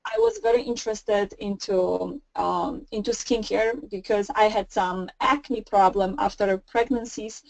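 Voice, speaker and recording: A woman's voice: medium pitch, steady tone, unhurried, vocal fry, hardly any pauses, no room sound, low-quality recording. A woman in her thirties from Poland with a Polish accent, a non-native speaker of English, chatting as a guest on a remote call in a friendly way. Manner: friendly, laughs easily, slightly non-native phrasing. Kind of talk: casual interview chat.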